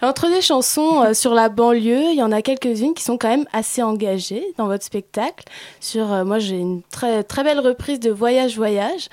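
A woman's voice: a little high, normal speed, a little mellow. A woman hosting a radio interview, asking enthusiastic, chatty questions. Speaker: radio host.

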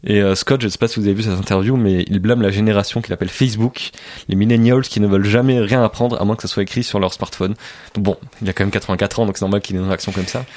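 Fast-talking low-voiced man, dry. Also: steady tone, a little mellow. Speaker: film critic. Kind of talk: casual film discussion.

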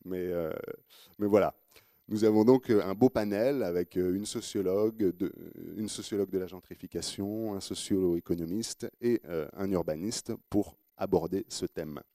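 A man's voice: deep voice, moderate pace, mellow, no echo, studio quality. A man with an English accent hosting a radio panel, introducing guests with frequent hesitations. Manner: hesitant, many fillers and restarts. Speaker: radio host.

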